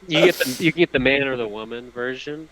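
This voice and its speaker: A man co-hosting a podcast, riffing on jokes in an animated, casual way. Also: mid-range voice, quick pace, a crowd in the background, poor audio. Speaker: podcast co-host. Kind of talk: casual comedic chat.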